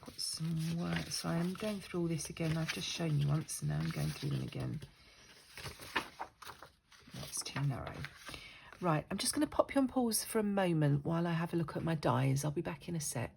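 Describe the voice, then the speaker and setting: Her voice is deep and gravelly, swinging widely in pitch at a moderate pace. This older woman, still stuffy from a lingering cold, chats and rambles self-deprecatingly during a relaxed crafting tutorial at an indoor craft table. The overhead camera above her craft mat picks up a noisy background.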